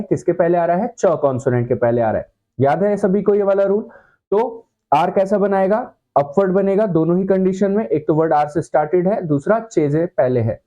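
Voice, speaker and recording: A man's voice: sits high, warm tone. A man teaching a shorthand class in mixed with terms, patiently asking the students questions and answering them himself. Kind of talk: classroom lesson. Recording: dull lo-fi recording.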